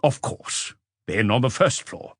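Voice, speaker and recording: A man takes on an audiobook witness who is observant, precise and sure of himself, replying matter-of-factly. His voice is mid-range and fairly bright, a little slow, captured in studio quality with no echo.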